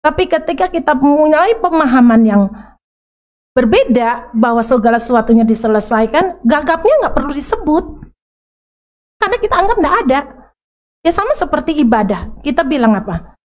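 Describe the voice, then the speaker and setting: A middle-aged woman preaching a sermon in a church, animated and acting out the voices she quotes. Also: high-pitched, moderate pace.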